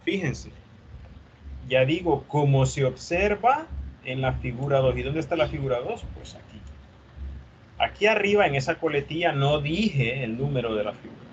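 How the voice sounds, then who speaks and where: Male teacher, mid pitch, patient step-by-step explainer, slightly dull lo-fi call audio. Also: animated, normal speed, slight background noise. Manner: explanatory, checks understanding with frequent "¿ok?". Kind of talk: online class lecture.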